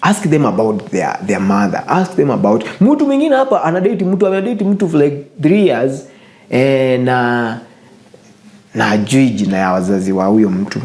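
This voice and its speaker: A man's voice: medium pitch, big pitch swings, normal speed, darkish tone. A young man with a Kenyan accent hosting his show, giving casual, earnest advice to viewers, switching between English and Swahili and repeating phrases for emphasis. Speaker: show host.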